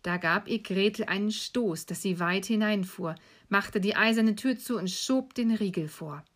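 A woman calmly and evenly reading a fairy tale aloud as a storyteller. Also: medium pitch, normal speed.

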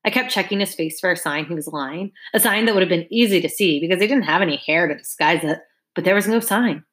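A woman's voice: fairly low pitch, fast talker, a bit bright. A woman reading a first-person audiobook narration in a casual, wry, conversational way.

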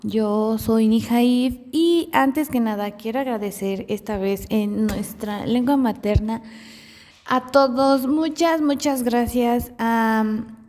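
Slow-talking woman podcaster, warm. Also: on the high side, big-room sound. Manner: chatty, self-deprecating, thinks aloud with fillers. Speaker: podcast host. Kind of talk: casual solo podcast monologue.

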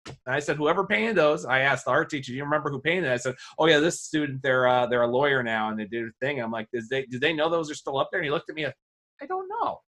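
A man talking quickly and casually on a podcast about his teaching. He rambles through classroom anecdotes, restarting sentences and acting out what students said. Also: fairly bright tone. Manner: rambling storyteller, acts out quoted students with a high voice. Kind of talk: casual conversation.

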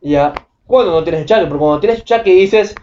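A man reads out viewer anecdotes and riffs on them with crude, excitable slang. His voice sits high. The recording is dull and lo-fi, like a home vlog. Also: brisk. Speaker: host reading viewer anecdotes. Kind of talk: comedic commentary vlog.

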